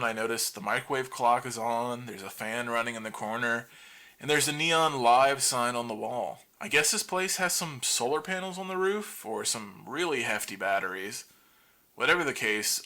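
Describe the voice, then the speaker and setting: A man with a sharp, mid-range voice performs an audio drama monologue as an injured, lonely zombie apocalypse survivor. Broadcasting over a makeshift radio, he confides wryly and swears, sounding pained and weary.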